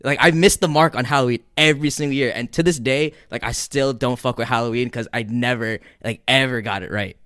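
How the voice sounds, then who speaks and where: A man's voice: medium pitch, fairly quick, few pauses, a bit bright, smooth, dry recording, studio quality. A man from North Jersey co-hosting a podcast, telling loose, profane stories in casual chat full of "like.". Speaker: podcast co-host.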